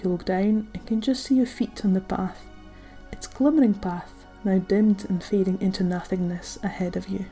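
A woman with a warm, mellow, medium-pitched voice narrates like a sleep story guide. Her scripted meditation delivery is gentle and unhurried, with phrases trailing softly into breath. Faint music plays behind her. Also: steady tone.

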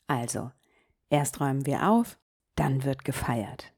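Slow, breathy, low-voiced woman guiding meditation. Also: lively intonation. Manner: slow, soft-spoken, gently guiding, drops into whispers. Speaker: meditation podcast host. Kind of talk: guided meditation.

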